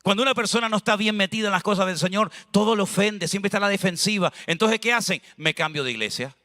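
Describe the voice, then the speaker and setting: A man from Spain, a pastor preaching an animated sermon with chatty asides, recorded in a church hall. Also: high-pitched, fast talker. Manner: animated, preaching with conversational asides and acted dialogue. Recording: long hall reverb.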